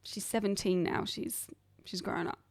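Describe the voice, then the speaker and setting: A woman's voice: medium pitch, fairly even intonation, normal speed, vocal fry, no room sound. Chatty young Englishwoman, dry close sound. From England. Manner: rambling, chatty, self-deprecating. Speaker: podcast host. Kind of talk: casual solo chat. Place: hot humid region, indoors.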